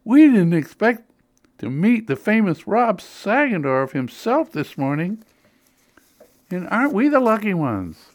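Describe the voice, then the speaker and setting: A man voicing excited, quavering elderly ladies in a spoken anecdote. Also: very high-pitched, slow, voice pushed up. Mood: gushing.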